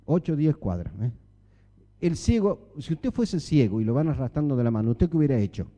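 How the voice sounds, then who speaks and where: With a fairly high pitch and a slightly fast delivery, an Argentine Spanish-accented pastor preaches animatedly in church, repeatedly asking the congregation rhetorical questions.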